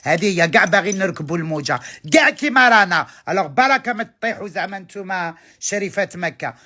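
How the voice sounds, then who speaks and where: Algerian woman going off on a heated rant, scolding and yelling, sharp bright voice. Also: mid-range voice, lively intonation, fast. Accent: Algerian Arabic. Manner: angry, scolding, insults and shouting outbursts. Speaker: social media commentator. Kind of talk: heated direct-to-camera rant.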